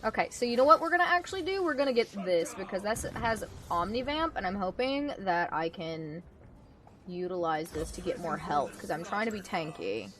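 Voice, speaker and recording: A woman streaming a video game live, commenting on her play with profane trash-talk aimed at opponents, swinging between low muttering and loud yelling. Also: expressive, a little fast, a crowd in the background. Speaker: Twitch streamer.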